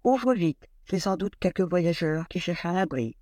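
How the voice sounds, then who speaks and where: A man voicing a kind mother who gently reassures her two daughters in a read-aloud fairy tale. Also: high voice, animated, moderate pace, no room sound, clean studio sound. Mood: gentle.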